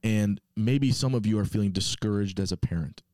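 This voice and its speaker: A man's voice: lowish voice, fairly quick, mellow, no room sound. A man co-hosting a faith podcast, chatting casually and then urging listeners with earnest encouragement. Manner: earnest, exhorting, joking. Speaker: podcast co-host.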